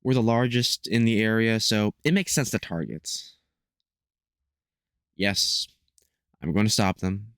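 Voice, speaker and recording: A man plays a gruff veteran vampire hunter, protective of the listener, speaking hesitantly with a touch of sarcasm in an audio roleplay. The mood is grim and resolute, his fairly low, slightly bright voice unhurried and full of pauses, recorded at studio quality with no echo.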